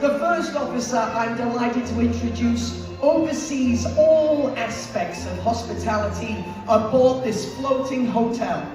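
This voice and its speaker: Upbeat female cruise director, high-pitched, echoing hall. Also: recorded from a distance. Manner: upbeat, rallying the crowd with drawn-out emphatic introductions. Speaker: cruise director hosting a stage welcome. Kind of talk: live stage announcing, introducing officers to an audience. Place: on stage in a cruise ship venue. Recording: echoey PA in a large hall, music and crowd. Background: music and audience noise.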